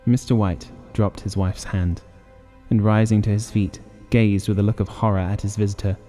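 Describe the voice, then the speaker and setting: Male audiobook narrator for gothic horror: mellow, measured, dramatic, long reverb over music. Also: fairly low pitch, level tone.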